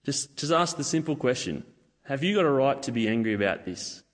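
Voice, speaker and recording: A man's voice: mid-range voice, lively intonation, a little fast. A man preaching a sermon, telling stories casually and acting out what people say. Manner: casual storytelling with acted-out quotes. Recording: long hall reverb.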